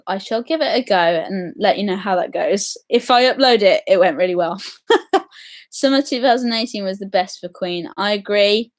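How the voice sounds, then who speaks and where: A woman hosting a casual live stream, chatty and excitable, answering viewer comments with lots of ums. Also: medium pitch. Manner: chatty and excitable, many ums, reacts to comments as they come.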